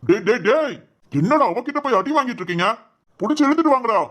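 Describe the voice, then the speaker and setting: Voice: mid-range voice, expressive, a little fast, faint music behind, close to an everyday voice. Voice actor as a bossy village head. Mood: angry. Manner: commanding, barking orders. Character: stern scheming male village head. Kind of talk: cartoon drama voice acting.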